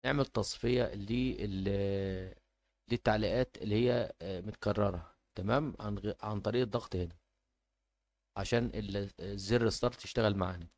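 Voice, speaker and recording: A man's voice: fairly low pitch, normal speed, a little mellow, dry recording. A man with an Egyptian Arabic accent announcing a giveaway informally as host, hesitating and repeating himself as he goes.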